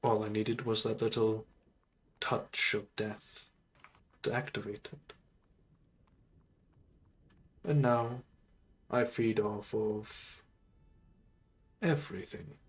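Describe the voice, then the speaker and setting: A man voicing an undead male sorcerer lord in a tabletop game, speaking in a measured, grandiose way. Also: on the low side, steady tone, low-quality recording. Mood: solemn.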